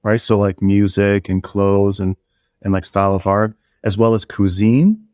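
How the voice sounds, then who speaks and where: A Canadian-raised man whose first language is Polish co-hosts a podcast, rambling casually with frequent restarts and offhand swearing. His lowish voice is steady, a little slow and somewhat mellow, with a clean tone in echo-free studio sound.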